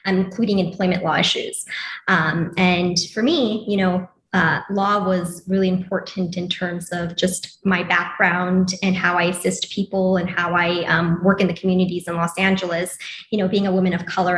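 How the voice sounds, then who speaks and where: A woman attorney guest speaking hesitantly, with many pauses, in a podcast interview. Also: lowish voice, a bit bright. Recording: echoey room with faint noise.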